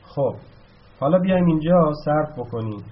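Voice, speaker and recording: A man's voice: on the high side, lively intonation. Man teaching grammar, lo-fi recording. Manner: explains step by step, asks and answers his own questions; slows down to spell out verb forms. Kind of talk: Arabic grammar lesson. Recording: slightly dull, lo-fi recording.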